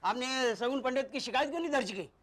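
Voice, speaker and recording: An actor playing a calm, wise older uncle in a cartoon, brisk and reassuring, scolding a cowardly officer. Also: male voice, very high voice.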